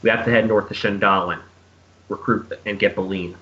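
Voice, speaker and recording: A man's voice: fairly low pitch, fairly even intonation, fairly quick, pushed and bright. A man playing a tabletop role-playing game, speaking in character and often repeating himself as he goes. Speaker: player. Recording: slightly muffled, lo-fi.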